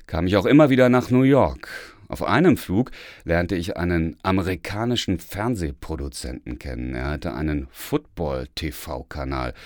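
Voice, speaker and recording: A man reading a first-person memoir as an audiobook, telling it in a lively storytelling manner. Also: deep voice, no room sound, clean studio sound. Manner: lively, storytelling with acted dialogue. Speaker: audiobook reader.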